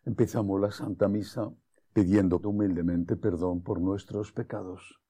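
A man leads the liturgy as a priest. His voice is fairly deep and very dark and mellow. He recites prayers and scripture solemnly, at a measured tread. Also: steady tone. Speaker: priest celebrating Mass.

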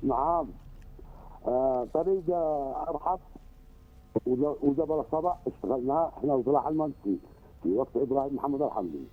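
Older Yemeni caller on a tinny phone line. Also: male voice, mid-range voice. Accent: Yemeni Arabic. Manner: rambling, halting recollections.

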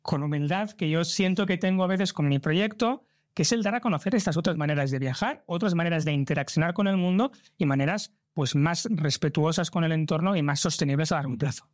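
This Barcelona-born trip organizer and travel creator speaks briskly in a highish voice with a Spanish accent, sincerely answering interview questions about travel. The recording is clean studio sound with no echo.

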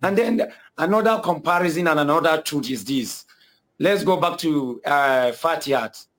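A young man with a Nigerian accent, his voice slightly high and a bit bright, speaks at a normal pace as a guest sharing his conversion testimony. He tells his own story earnestly, often hesitating and repeating himself.

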